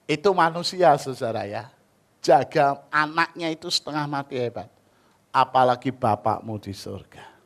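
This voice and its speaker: A man preaching a sermon with an Indonesian accent, telling stories animatedly, jumping from shouted peaks to soft asides. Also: medium pitch, lively intonation, moderate pace. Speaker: pastor. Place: church hall.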